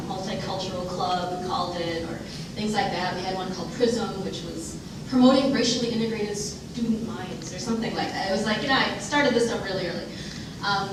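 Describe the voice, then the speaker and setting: A woman speaks candidly as a guest on stage, joking at her own expense and filling pauses with ums. Her voice sits at a middle pitch and comes from far off the mic. A very echoey room and steady noise surround her. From United States. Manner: candid, self-deprecating, many ums. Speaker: interview guest, diversity director. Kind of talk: onstage interview. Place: event room with audience.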